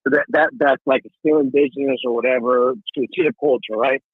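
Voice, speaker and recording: On a live stream, a man from Mexico argues heatedly, stammering, repeating words and pushing his point with "right?". His medium-pitched voice is steady in tone, brisk and breathy-edged, with no echo, coming over a thin, phone-like line.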